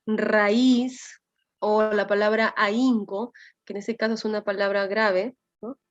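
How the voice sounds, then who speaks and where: A woman's voice: mid-range voice, fairly even intonation, takes it slowly. A woman with a Peruvian accent teaching a language class over a video call, explaining step by step and often checking with "¿no?". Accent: Peruvian Spanish. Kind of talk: online class lecture. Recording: slightly dull lo-fi audio.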